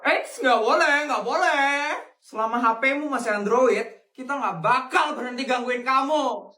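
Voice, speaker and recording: Snooty, sneering young bully, played by a woman; high and roomy. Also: unhurried, bright, forceful tone. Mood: mocking. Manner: sneering, taunting. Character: snobbish mocking schoolgirl bully.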